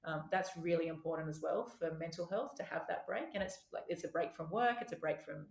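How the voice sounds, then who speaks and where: A woman in her thirties speaks as an interview guest in a frank, conversational way, often restarting her sentences. Her voice sits a little low. The recording carries a noticeable room echo. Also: fairly quick, vocal fry. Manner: chatty and frank, with frequent restarts. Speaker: podcast guest, doctor. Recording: roomy echo.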